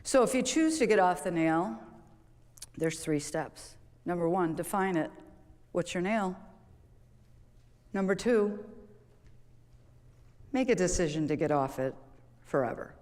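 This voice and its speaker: A woman speaks from the stage of a large auditorium, giving a motivational talk in a chatty, storytelling way. Her voice sits on the low side, and the hall adds a long, lingering reverb. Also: animated, measured pace, long pauses, a little mellow. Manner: conversational, storytelling, with rhetorical questions. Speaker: public speaker and golf coach.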